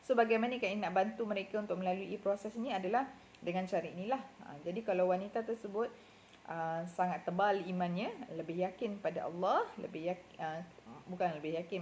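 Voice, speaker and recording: A woman's voice: mid-range voice, darkish tone, a little hiss or hum. A middle-aged woman with a Malaysian Malay accent gives casual marriage advice, talking in a chatty way full of fillers and self-corrections. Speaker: marriage and relationship advisor.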